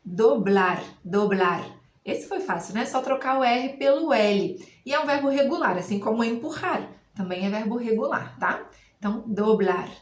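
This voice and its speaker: A woman teaching a language lesson, asking the viewer questions and then repeating each word slowly and clearly. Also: on the high side, animated, roomy sound, highs cut off. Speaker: Spanish teacher.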